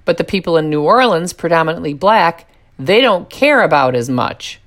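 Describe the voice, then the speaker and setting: A woman's voice: fairly low pitch, animated, normal speed. A woman reading scripted political commentary in a sarcastic, mocking manner.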